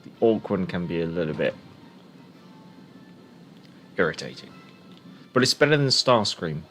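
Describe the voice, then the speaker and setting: A man's voice: low-pitched, sing-song, unhurried, over music. A man streaming a game, chatting casually and thinking aloud as he gives live commentary.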